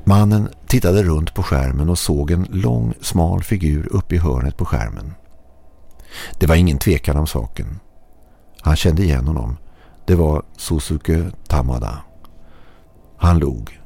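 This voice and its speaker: A man narrating a horror story in a slow, somber, scripted style. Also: rumbling low, animated, vocal fry, dark tone, breathy edge.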